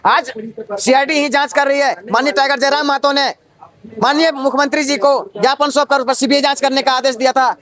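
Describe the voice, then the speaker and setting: A man's voice: very high voice, steady tone, a little fast, fairly bright tone. A young man from Jharkhand, an exam candidate, speaking in an impassioned street interview, indignant and full of rhetorical questions.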